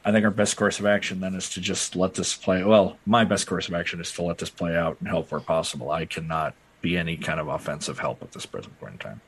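A man's voice: deep voice, quick pace, few pauses, a bit bright, husky. A young adult man playing in an online tabletop game, rambling and repeating himself. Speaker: player. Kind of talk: casual tabletop game chat over voice call.

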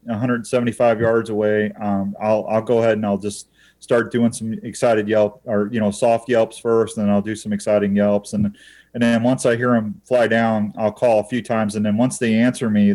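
A man's voice: lowish voice, fairly even intonation, normal speed, a little mellow. A man talking as a podcast guest, explaining hunting methods step by step in a folksy, casual way. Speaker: podcast guest, turkey bowhunter. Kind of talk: casual interview chat.

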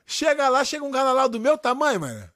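A middle-aged man with a Brazilian accent, co-hosting a podcast, telling stories in a lively way, swearing freely and acting out the lines he quotes. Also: very high voice, fast talker, dry recording, clean studio sound. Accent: Brazilian Portuguese. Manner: animated storyteller, swears a lot, acts out quotes. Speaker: podcast co-host. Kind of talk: casual podcast banter.

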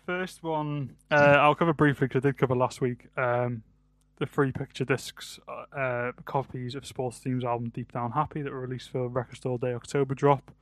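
Podcast co-host: British man, early 20s, th-fronting to f, halting casual delivery, dry recording. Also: mid-range voice, fairly even intonation, dry recording. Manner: th-fronting, says th as f; hesitant, self-correcting. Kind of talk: casual album review chat.

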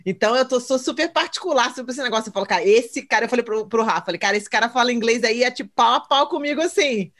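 Fast-talking Brazilian woman podcast host. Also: on the high side. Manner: animated storyteller, acts out quotes. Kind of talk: casual chat.

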